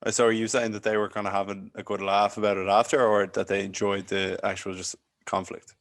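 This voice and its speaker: Man, podcast host, casual, loose questions, very low voice, monotone. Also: brisk. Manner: relaxed, loosely phrased questions.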